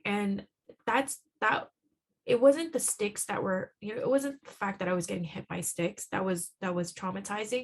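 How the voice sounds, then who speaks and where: Earnest woman sharing a painful story. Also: medium pitch. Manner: halting, repeats words and restarts often; earnest and heartfelt. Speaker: podcast guest. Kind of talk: emotional personal testimony.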